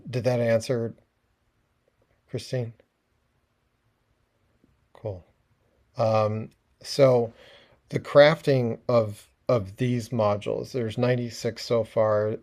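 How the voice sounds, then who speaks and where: A webinar presenter gives a casual educational talk, speaking in a relaxed, conversational manner with frequent pauses and small fillers. His low voice sounds mellow and warm, picked up by a video-call-style microphone.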